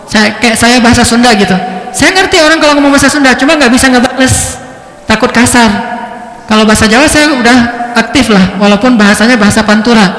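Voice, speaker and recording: A man giving a religious lecture, telling stories with lively shifts in pitch. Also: quick pace. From Indonesia. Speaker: preacher. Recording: echoey hall.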